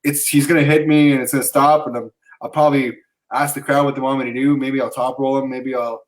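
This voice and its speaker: A man's voice: mid-range voice, little pitch movement, fast talker, rough recording. A man, an arm wrestler, talking cocky and boastful in casual chat.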